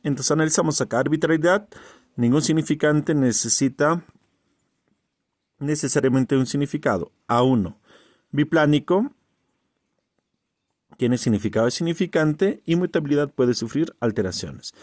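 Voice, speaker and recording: A man's voice: a little high, lively intonation, moderate pace, long pauses, darkish tone, dry recording, clean studio sound. Man teaching, quizzing himself aloud. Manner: rhetorical questions then answers them himself; checks in with the listener, repeats key terms. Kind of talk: recorded exam-prep language lesson.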